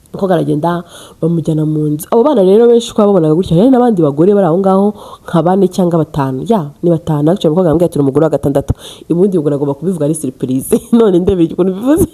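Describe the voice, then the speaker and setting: Brief: fast-talking woman from Rwanda, casual storytelling vlog, dark mellow tone, chatty. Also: deep voice. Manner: chatty, addresses listeners directly, mixes in English. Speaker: storyteller vlogger.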